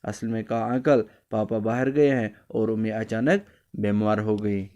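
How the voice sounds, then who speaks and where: A man's voice: lowish voice, steady tone, darkish tone, dull audio, slight background noise. A man teaching a children's reading lesson, explaining word meanings and repeating lines for his pupils. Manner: explains word meanings, switches briefly into Kashmiri.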